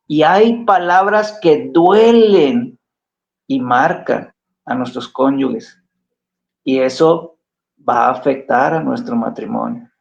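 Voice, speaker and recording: Man, gravelly voice, fairly high, earnest exhortation, dull lo-fi recording. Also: takes it slowly. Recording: dull lo-fi sound.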